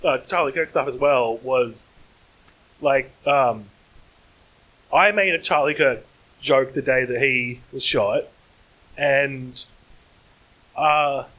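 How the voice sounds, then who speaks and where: Bright young man, rambling fast. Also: medium pitch, low-quality recording. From Australia. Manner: fast, run-on, heavy fillers. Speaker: comedy writer on panel. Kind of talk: panel discussion. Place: conference stage.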